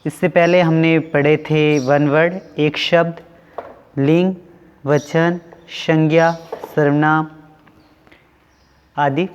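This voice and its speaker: A man with a fairly high voice teaches an online class, speaking slowly and patiently. He asks young pupils a question and answers it himself, one short phrase at a time. The recording is dull and sits in a long, echoing room. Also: little pitch movement, a little hiss or hum. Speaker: school teacher.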